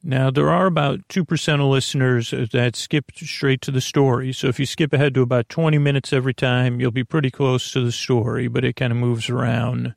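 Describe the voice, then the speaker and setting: Speaking as a podcast host, a man gives a rambling bedtime monologue in a gravelly, heavily creaky voice at ordinary male pitch with little pitch movement. He stops, repeats words, loses the thread and circles back to it. The recording is very dry, with no room sound.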